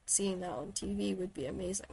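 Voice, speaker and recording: A woman's voice: medium pitch, a little fast, creaky, dark tone. A woman from Shetland with an American-influenced accent, chatting casually and telling stories through quoted exchanges. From Shetland, Scotland. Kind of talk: casual chat.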